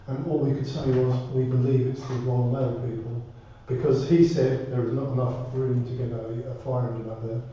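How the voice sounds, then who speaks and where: A distant, heavily echoing recording of a man addressing a council meeting. He has a soft-edged, mellow tone and speaks in a polite, measured, slightly hesitant way as a member of the public. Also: mid-range voice, little pitch movement. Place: indoor parish council meeting room. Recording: muffled, echoey room, distant mic, faint noise.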